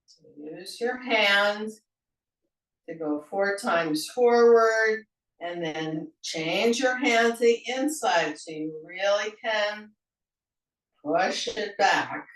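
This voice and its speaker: A woman guides a senior yoga class at an unhurried, very slow pace, calm and gentle in her cues. Her voice sounds roomy and echoey. She is some distance from the mic. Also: medium pitch. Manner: slow, gentle cueing with playful laughter exercises. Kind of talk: guided exercise class instruction.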